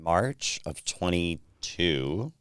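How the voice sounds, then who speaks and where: A man's voice: low voice, very animated, extremely slow, a bit bright, clean tone, dry recording. A man in his thirties from South Carolina, a podcast guest telling his story in an easygoing, candid way. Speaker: podcast guest, PR firm founder. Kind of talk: casual chat.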